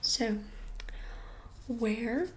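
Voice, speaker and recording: A woman giving a whispered ASMR lesson, speaking gently and softly and repeating each short phrase several times. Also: a little high, very slow, a little hiss or hum. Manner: gentle, soft-spoken. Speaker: ASMR creator teaching phrases.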